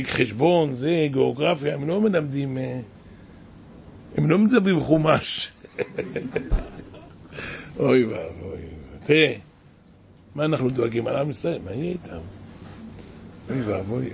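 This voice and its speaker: A man's voice: medium pitch, lively intonation, vocal fry, pauses often, a little hiss or hum. A man preaching a sermon as a rabbi, impassioned and exclaiming, with many rhetorical questions.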